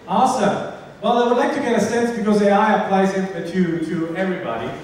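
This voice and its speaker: A man in his forties from Sicily with an Italian accent, giving a lively, interactive conference keynote and polling the audience. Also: high voice, fairly quick. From Sicily, Italy. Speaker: keynote speaker. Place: large hall with an audience. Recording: echoey hall, distant mic, faint noise.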